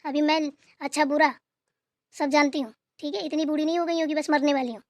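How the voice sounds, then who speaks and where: A woman's voice: high voice, steady tone, brisk, dry recording. A woman voicing a stern, domineering grandmother in a cartoon who scolds and gives orders. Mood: scolding. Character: stern bossy grandmother, head of the house.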